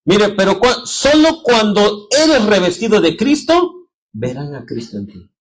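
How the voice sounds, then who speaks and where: A man with a Mexican Spanish accent, preaching a sermon as pastor, telling lively stories and calling his listeners brothers and sisters. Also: high voice, a little slow, crowd noise. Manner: animated storytelling, acting out quoted voices.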